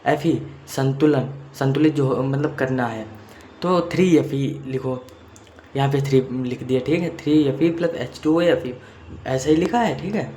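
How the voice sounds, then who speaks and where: A man with a medium-pitched, warm voice teaches a chemistry lesson at a normal speed. He repeats his points and keeps checking in with students, often saying "theek hai." The room is echoey, with faint noise.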